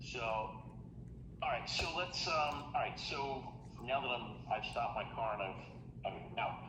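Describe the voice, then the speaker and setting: A man's voice: medium pitch, measured pace, noisy background. A business owner answering a sales call from his parked car, friendly and full of questions. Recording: echoey phone call.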